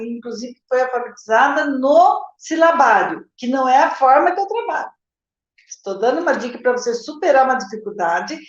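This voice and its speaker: Brazilian woman, literacy teacher, live Q&A, explanatory, fairly high voice, roomy dull recording. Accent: Brazilian Portuguese. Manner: explanatory, addresses viewers directly with "gente" and "tá?". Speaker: literacy teacher answering viewer questions.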